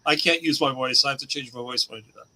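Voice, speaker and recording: Man through a bright voice changer. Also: medium pitch, very fast, rough recording. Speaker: guest. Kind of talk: casual livestream chat.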